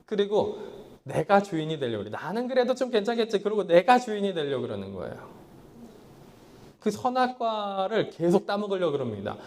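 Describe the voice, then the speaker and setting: Impassioned Korean pastor preaching. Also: male voice, sing-song, moderate pace. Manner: impassioned, swings between loud pleas and low hushed lines; acts out his own past inner voice in quotes. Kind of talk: sermon. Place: small church hall.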